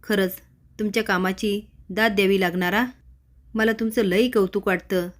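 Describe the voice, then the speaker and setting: A woman's voice: medium pitch, steady tone, normal speed, natural voice. An evasive young husband coaxes and apologises to his wife, as a woman storyteller reads his lines. He is soothing but dodgy in this serial recap. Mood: coaxing.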